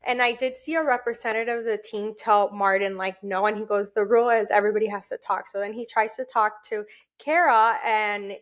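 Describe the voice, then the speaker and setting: A woman's voice: mid-range voice, fairly even intonation, fairly quick. A young woman co-hosting a podcast, talking casually and animatedly, laughing often. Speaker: podcast co-host. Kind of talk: casual chat.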